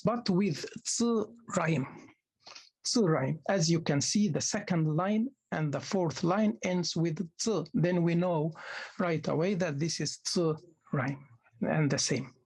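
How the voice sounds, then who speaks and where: A man, a native Arabic speaker, lecturing postgraduate students in a halting way, often restarting and repeating words as he explains. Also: sits high, breathy edge. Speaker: university lecturer. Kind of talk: academic lecture.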